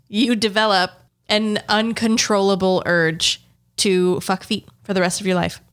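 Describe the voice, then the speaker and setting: A woman's voice: medium pitch, fairly even intonation, measured pace, a bit bright. Dry-witted woman podcast co-host. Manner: dry, matter-of-fact teasing. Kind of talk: casual podcast banter.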